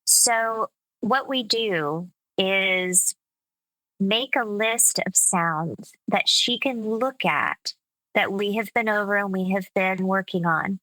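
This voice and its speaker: Slow, bright-voiced woman speech coach. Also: medium pitch, no room sound, low-quality recording. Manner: measured, explanatory. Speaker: speech coach and accent specialist. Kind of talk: conversational interview.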